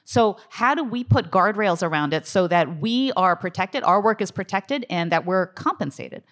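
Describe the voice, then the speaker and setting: A woman's voice: mid-range voice, lively intonation, moderate pace, a bit bright. A woman speaking as a writers' union representative, explaining contract points off the cuff in an emphatic, colloquial way, often checking in with the listener. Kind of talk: unscripted explanatory talk on contracts.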